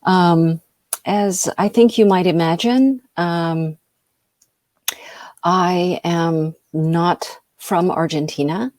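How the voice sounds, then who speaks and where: A woman's voice: fairly low pitch, steady tone, drawn-out words, darkish tone, no room sound, clean studio sound. A middle-aged woman from the United States, giving an informal talk as an invited speaker, hesitant with many ums and uhs. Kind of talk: informal lecture over a video call.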